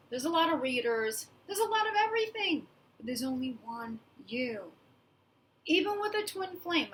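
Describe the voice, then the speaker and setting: A woman spiritual medium delivering an earnest, urgent channeled message to viewers, often dropping into a soft whisper. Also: high voice, a little hiss or hum.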